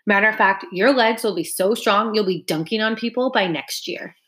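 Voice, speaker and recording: A woman's voice: medium pitch, a bit bright, pitched above the performer's own voice, lightly acted. Woman doing a pushy male track coach. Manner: pushy, persuasive, quick questions. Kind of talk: audiobook character voice.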